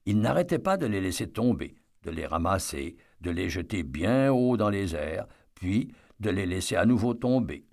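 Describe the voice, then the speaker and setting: A man reading a story aloud as narrator, with expressive storytelling. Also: sits low, moderate pace, creaky, few pauses. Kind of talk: audiobook narration.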